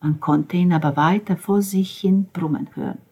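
Husky low-voiced woman reading a novel. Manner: measured, expressive reading, dropping to soft asides. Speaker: audiobook narrator.

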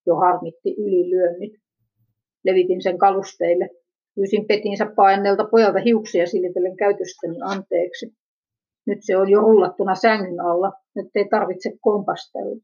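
Husky woman reading introspectively, lo-fi. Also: mid-range voice, steady tone, mellow. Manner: introspective, self-questioning. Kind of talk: first-person reading of a personal narrative. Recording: dull lo-fi recording.

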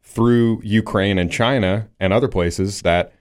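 A man's voice: on the low side, a little mellow, clear, resonant tone. A man co-hosting a podcast who chats casually about politics and agrees readily. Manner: agreeable, quick backchannels. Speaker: podcast co-host.

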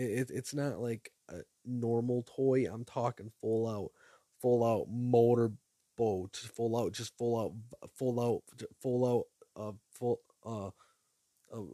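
A young man, sleepy and rambling, hosts a solo podcast in a silly, wandering monologue packed with ums and asides. His voice sits a bit low and drags at an unhurried pace. The sound is dry and close with no room around it. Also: warm tone, no echo. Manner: silly, drowsy, meandering with many fillers. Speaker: podcast host. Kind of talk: rambling late-night monologue.

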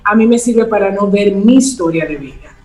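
A woman's voice: mid-range voice, moderate pace. Guest woman in a roomy echo. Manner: explains calmly, acts out everyday dialogues. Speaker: guest speaker. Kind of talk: talk show conversation.

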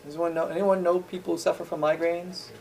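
The pharmacology lecturer has a highish, gravelly, somewhat mellow voice, speaking quickly in a level tone. He asks his class questions and then answers them, heard through a distant mic in an echoey lecture room with faint hiss.

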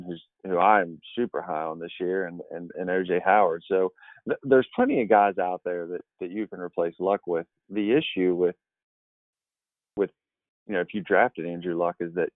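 Deep-voiced man on a tinny line. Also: dry recording. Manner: rambling, many fillers and restarts. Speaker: fantasy football podcast analyst. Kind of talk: casual podcast chat. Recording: dry, tinny phone-like line.

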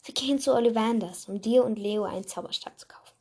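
A woman voicing a brisk, matter-of-fact wizarding mother. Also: on the high side, warm tone, husky.

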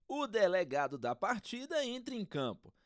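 A theatrical narrator delivering scripted football radio commentary with urgency. The pitch is very lively and the recording is dry and close. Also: normal speed, dry recording. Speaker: podcast narrator and host.

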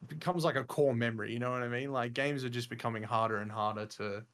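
A young man chats on a podcast in a mid-pitched voice. He rambles eagerly, piling on fillers like "like" and "freaking". His delivery is loose and unscripted. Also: fairly even intonation, fast talker, a bit bright. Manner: enthusiastic, rambling, says "freaking" and "mate" a lot. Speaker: podcast co-host. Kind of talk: casual chat.

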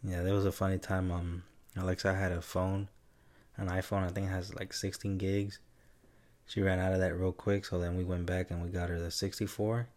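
A man with a very low voice chatting casually as a podcast co-host. He teases and playfully quizzes his partner. His talk is loose and conversational. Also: flat delivery, moderate pace, darkish tone. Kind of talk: casual chat.

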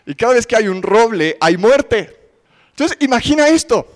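High-voiced man preaching in a hall. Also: sing-song, normal speed. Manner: conversational, asks the audience questions, acts out voices. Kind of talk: sermon.

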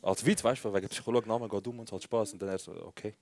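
Fast-talking Swiss German young man. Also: fairly low pitch, vocal fry, dry recording. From Switzerland. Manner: animated anecdotes acting out dialogue, slangy. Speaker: podcast co-host. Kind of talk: live comedy podcast storytelling.

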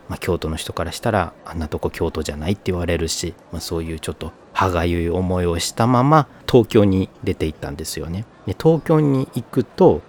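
Low-voiced male podcast host, thirties, flat slightly Kansai-tinged speech, easygoing and wry. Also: slight background noise. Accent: flat northern Kyoto speech, slightly Kansai-leaning. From northern Kyoto Prefecture, Japan. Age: 30s. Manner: relaxed, chatty, self-deprecating asides. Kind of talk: solo podcast talk.

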